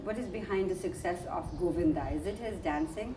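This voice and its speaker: A woman interviewer asking probing questions with quick follow-ups. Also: on the low side, echoey room, noisy background.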